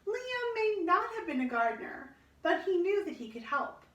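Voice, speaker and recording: A woman reading a children's storybook aloud in an expressive, measured storytelling manner. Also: extremely high pitch, muffled recording. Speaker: storybook reader. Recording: roomy echo, distant microphone.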